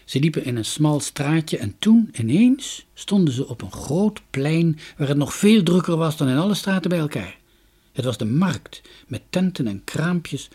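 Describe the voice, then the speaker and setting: A man reading a children's storybook aloud, expressive and with shifting loudness. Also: a little high, husky. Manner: expressive, varying loudness and pace.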